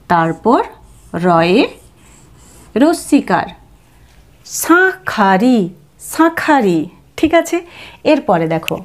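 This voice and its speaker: A middle-aged woman teacher giving a grammar lesson, spelling words out slowly and repeating each one to check that her pupils follow. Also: fairly high pitch. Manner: slow, drawn-out, repeating each word; asks "ঠিক আছে?" to check understanding.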